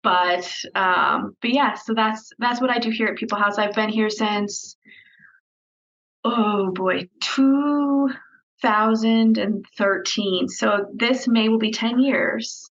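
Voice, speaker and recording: A woman's voice: on the high side, slow pace. A woman, head of a nonprofit, answering interview questions over a video call in a friendly, chatty, self-deprecating way. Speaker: nonprofit executive director. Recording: dull video call audio.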